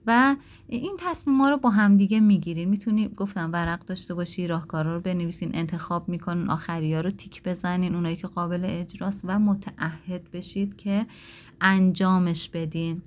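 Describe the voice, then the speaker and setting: A woman's voice: fairly low pitch, steady tone. A woman giving direct, coaching parenting advice to listeners, at times acting out sample lines between spouses. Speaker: parenting advisor.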